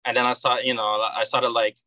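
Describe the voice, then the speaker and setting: Brisk and bright, with a pushed quality and little variation in pitch, a medium-voiced man speaks without any echo. He's a Brazilian comic book creator in his thirties, a guest in a casual interview whose Brazilian Portuguese accent comes through as he keeps repeating words and restarting.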